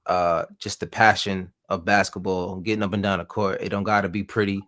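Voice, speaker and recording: A relaxed man rambles through basketball talk as a co-host, leaning on filler phrases. His voice sits low. The recording is dry and close. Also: brisk, dry recording. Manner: relaxed, rambling, fond of fillers like "you know".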